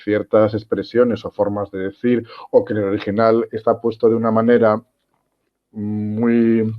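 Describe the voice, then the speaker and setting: A man's voice: on the low side, flat delivery, a little slow. A man interviewing a guest, asking rambling questions with many restarts in a casual video-call chat. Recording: dull lo-fi video-call sound.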